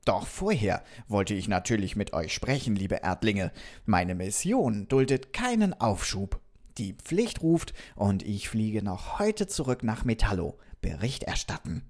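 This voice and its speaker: A man playing a lively curious robot. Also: lowish voice, unhurried, full character voice. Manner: lively, talks directly to the kids with questions. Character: friendly male robot visitor from another planet, curious. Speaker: storyteller addressing children. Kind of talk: children's story narration.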